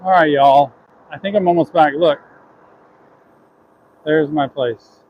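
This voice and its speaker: A man's voice: a little high, slow, lo-fi sound, slight background noise. A man chatting earnestly to his viewers while walking down city streets, answering questions from chat.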